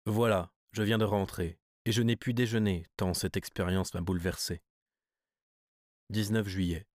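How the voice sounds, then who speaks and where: Brief: low male audiobook narrator, measured and steady, dry close mic. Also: dry recording. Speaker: audiobook reader. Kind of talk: scripted narration of a classic story.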